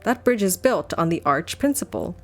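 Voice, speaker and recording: A woman's voice: lowish voice, sing-song, normal speed, soft background music. A woman voicing a nerdy know-it-all young boy who lectures in a blunt, matter-of-fact way. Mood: lecturing.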